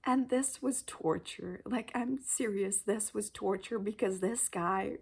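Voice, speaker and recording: Husky, animated woman telling a story. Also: mid-range voice, measured pace. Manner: animated, acts out quotes and reactions. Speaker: storyteller recounting an audition. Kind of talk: casual storytelling vlog.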